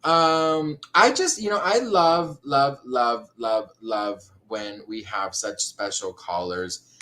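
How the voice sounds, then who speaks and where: Chatty and gushing, a livestream host calls people honey and girl during a relaxed chat with guests. He speaks at a slow pace in a mid-range voice with a sharp tone.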